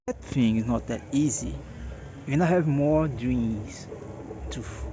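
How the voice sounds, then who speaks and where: Talking to the camera about personal matters, a weary Brazilian man in his late thirties with a Portuguese accent goes slowly, pausing hesitantly, restarting, and repeating himself. He is a vlogger with a mid-range voice, recorded in dull, lo-fi audio with background noise.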